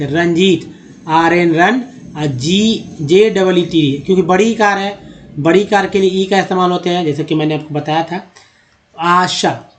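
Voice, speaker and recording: High-voiced man spelling words aloud. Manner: spells names letter by letter, repeats words often; addresses viewers as friends. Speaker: teacher. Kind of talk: explaining Hindi-to-English spelling on a board.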